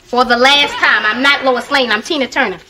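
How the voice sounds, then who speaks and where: A woman's voice: high voice, fairly even intonation, fairly quick, lightly acted. A woman playing an exasperated, put-upon young woman, firm and annoyed, in a sitcom. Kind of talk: sitcom acting. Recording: noisy sitcom soundstage with loud studio audience.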